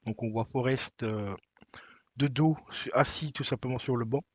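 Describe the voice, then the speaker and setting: A man's voice: medium pitch, moderate pace, darkish tone, slightly rough, muffled recording. A man casually presenting a vinyl record unboxing to his viewers, hesitant, with many fillers. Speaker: vinyl collector vlogger.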